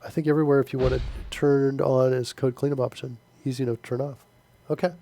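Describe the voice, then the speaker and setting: Working through code on a live stream, a man with a stuffy nose chats loosely with viewers and answers them, peppering his talk with fillers. His dark, mid-range voice stays level and fairly quick, with vocal fry.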